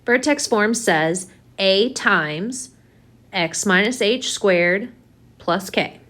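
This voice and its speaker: A woman's voice: mid-range voice, very slow, a bit bright. A woman math teacher giving a recorded lesson, tired and yawning, speaking frankly and repeating key points. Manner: frank, repeats herself for emphasis.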